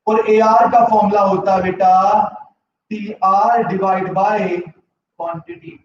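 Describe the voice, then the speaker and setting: A slow, high-pitched man keeps his intonation fairly even as he lectures. The setting is a live online economics class where he has a sore throat, mixes English terms into his talk and asks yes-or-no questions of the students. Audio is echoey, remote and a touch dull.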